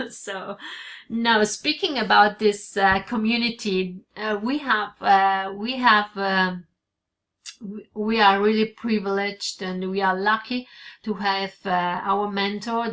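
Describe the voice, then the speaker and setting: Recorded on a desk webcam in a home office lined with bookshelves, this Italian-born woman in her forties, who grew up in Switzerland, chats to camera in English with an Italian accent. Her medium-pitched voice is steady and a bit bright, and she takes her time. She hesitates often, with plenty of fillers and false starts.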